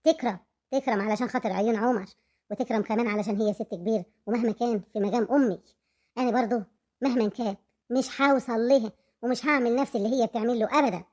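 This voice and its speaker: A woman's voice: on the high side, racing, a little mellow, natural voice. A woman playing a young wife who talks fondly and proudly of her husband, with an Egyptian accent.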